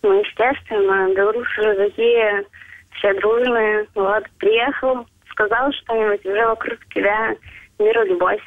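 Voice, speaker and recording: A woman's voice: medium pitch, steady tone, a little slow, dry recording. A young woman with a Belarusian accent, chatting casually and playfully as a phone guest on a radio show. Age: young adult. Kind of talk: casual chat. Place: on a phone call. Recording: thin narrowband telephone line.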